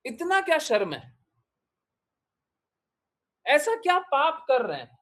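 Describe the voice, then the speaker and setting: A man's voice: very high voice, wildly swooping pitch, slow, fairly bright tone. A man giving a devotional discourse, exhorting his listeners with repeated short commands and questions. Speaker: spiritual teacher.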